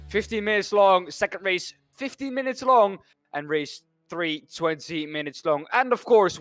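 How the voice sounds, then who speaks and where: A man's voice: high-pitched, a bit bright, no room sound. A man from the Netherlands commentating a sim racing broadcast, rambling and correcting himself as he stumbles over names. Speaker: race commentator.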